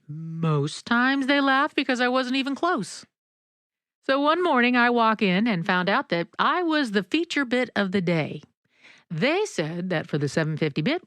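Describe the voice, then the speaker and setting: A woman's voice: a little high, fairly bright tone, no echo. A woman hosting a podcast, telling stories in a chatty, folksy way with frequent laughs. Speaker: podcast host. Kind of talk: casual storytelling chat.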